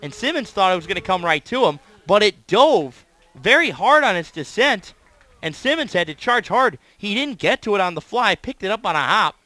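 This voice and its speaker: A man's voice: high voice, sing-song, normal speed, bright, forceful tone, no room sound. A man doing live baseball play-by-play commentary as the announcer, in clipped phrases, stretching words on big plays.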